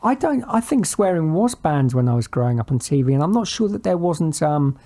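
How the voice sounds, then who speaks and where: A man's voice: on the high side, sing-song, brisk, dark tone. A man co-hosting a podcast, talking in a thoughtful, hesitant way with frequent self-corrections. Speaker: podcast co-host. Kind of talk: casual chat.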